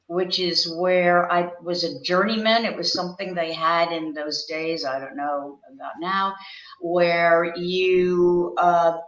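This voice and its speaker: An older woman chats as a guest, drifting through memories in a relaxed, rambling way. Her voice comes through a roomy echo. The audio is dull and lo-fi. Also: on the low side, slow pace. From Pennsylvania. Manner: rambling, reminiscing storyteller. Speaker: guest actress and puppeteer. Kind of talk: casual interview chat. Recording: echoey, muffled lo-fi audio.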